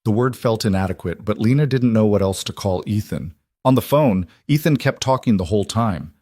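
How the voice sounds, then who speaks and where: A man narrates a scripted story in a measured, even delivery. His voice is low, and the recording is dry and close with no room sound. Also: no room sound.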